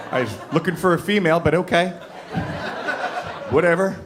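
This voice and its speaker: A man's voice: on the high side, noisy background. A man doing a stand-up comedy set on a club stage, brash and teasing the crowd. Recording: live club, crowd laughter. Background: audience laughing.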